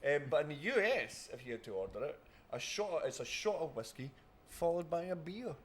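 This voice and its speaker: A Scottish man with a slightly high voice runs a quiz round on a podcast. He reads questions out between bursts of laughter and cheerful swearing. His voice swings up and down a lot as he talks. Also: sing-song, a little fast, slight background noise. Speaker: quiz host. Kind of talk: casual podcast banter.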